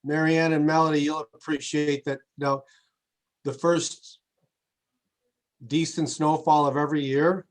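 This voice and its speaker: A man's voice: on the high side, flat delivery, a little slow, pauses often, rough recording. A man, a local official, welcoming people to an online class on a video call in a friendly, plain way. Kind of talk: casual chat then prepared welcome.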